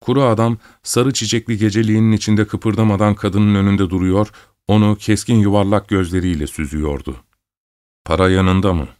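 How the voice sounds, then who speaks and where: A man narrating a story in a measured, steady reading. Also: on the low side, dry recording, studio quality. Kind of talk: audiobook narration.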